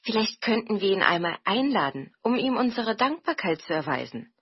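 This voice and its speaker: Woman doing a caring young sister, animated, husky, dull recording. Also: mid-range voice, normal speed, pitched above the performer's own voice, full character voice. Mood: earnest. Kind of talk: storybook reading.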